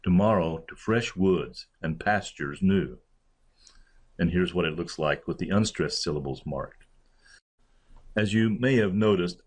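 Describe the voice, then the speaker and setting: Male lecturer, low voice, measured academic delivery with slow deliberate verse readings. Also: slightly rough. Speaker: literature professor. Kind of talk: recorded lecture.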